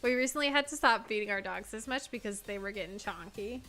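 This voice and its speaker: A woman's voice: mid-range voice, fast, pushed and bright, faint music behind. A young woman streaming from home at a desk mic, chatting casually, laughing often and cooing praise at her dog. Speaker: live streamer.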